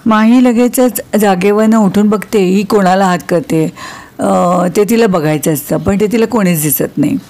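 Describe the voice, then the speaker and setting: A woman's voice: mid-range voice, moderate pace, darkish tone. A woman narrating a story about two friends in a chatty, plain way.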